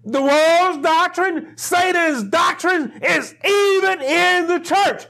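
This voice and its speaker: A middle-aged man preaching a sermon at a pulpit in a small chapel, building to shouted emphasis and repeating his phrases. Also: very high voice, takes it slowly, vocal fry. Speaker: pastor. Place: small chapel room indoors, standing at a pulpit. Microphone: lapel mic.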